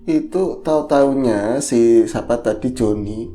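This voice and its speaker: A co-host telling a horror story in casual chat, lively and acting out the voices of the people in it. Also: measured pace, a little hiss or hum. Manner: lively, acts out quoted voices in a raised pitch.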